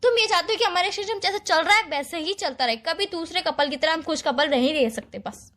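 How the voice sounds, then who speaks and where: A woman's voice: very high-pitched, brisk, fairly bright tone. A young woman playing a girlfriend who defends herself and pleads during a fight with her boyfriend. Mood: frustrated. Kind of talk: amateur romantic audio drama.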